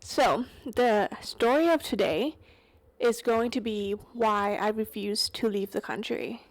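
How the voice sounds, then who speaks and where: Rambling through her solo podcast at a slow pace, a young podcast host from Thailand speaks in a fairly high voice with a Thai accent, English not being her first language, and she fills her talk with fillers and self-corrections.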